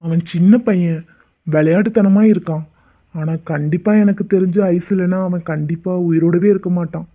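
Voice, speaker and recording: A man voicing a calm older brother and groom who teases dryly. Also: high voice, a little fast. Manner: calm, dry teasing. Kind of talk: Tamil cartoon voice acting. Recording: tinny phone-like lo-fi audio.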